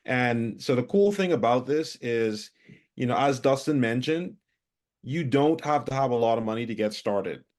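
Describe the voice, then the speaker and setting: This coaching student from the Bahamas offers an informal testimonial on a video call in an expressive, mid-range voice with a somewhat dark tone and normal speed. His delivery stumbles along, packed with fillers and false starts.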